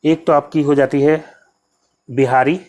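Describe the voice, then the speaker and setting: A young man running an exam-prep lesson, his voice sitting slightly high for a man. He explains each answer patiently and repeats key terms, speaking to viewers as friends. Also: little pitch movement, unhurried, a little mellow. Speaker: Hindi exam tutor.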